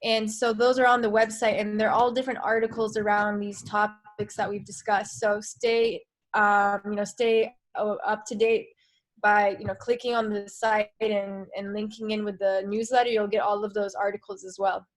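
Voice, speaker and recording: A woman's voice: medium pitch, level tone, moderate pace. A woman guest speaking earnestly over a video call and searching for her words. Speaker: guest filmmaker and activist. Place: outdoors in a jungle.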